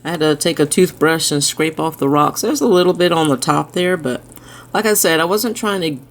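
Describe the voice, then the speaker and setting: A woman's voice: low-pitched, a little fast. A woman, chatting casually and fondly as she films her fish tanks at home. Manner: chatty, fond and relaxed narration. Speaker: aquarium vlogger. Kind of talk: casual chat. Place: indoors at home by a fish tank.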